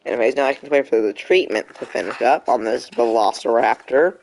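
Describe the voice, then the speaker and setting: A man's voice: medium pitch, fairly quick, vocal fry, a little mellow, a little hiss or hum. A young man streaming a game, chatting casually and talking back to the game in mock frustration. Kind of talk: casual live gameplay commentary.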